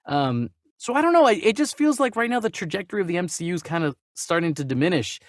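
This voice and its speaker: This movie news show host talks fast in a high voice full of big pitch swings. He gives casual, emphatic opinions and keeps circling back to repeated phrases to drive his argument home, recorded clean in a studio without echo.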